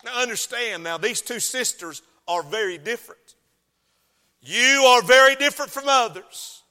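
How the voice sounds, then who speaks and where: A man's voice: very high-pitched, normal speed, sharp tone. A male pastor preaching a sermon in a church sanctuary, calling out to the congregation and building to outbursts. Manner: preaching with call-and-response and rising outbursts. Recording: long hall reverb.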